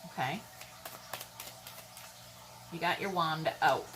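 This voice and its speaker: Woman, tarot reader, lowish voice, chatty, blunt, keeps asking "okay?". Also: slow pace, a bit bright, slight background noise, poor audio. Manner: chatty, keeps checking in with "okay?" and "all right?"; blunt, swears casually. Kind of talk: casual tarot reading to camera.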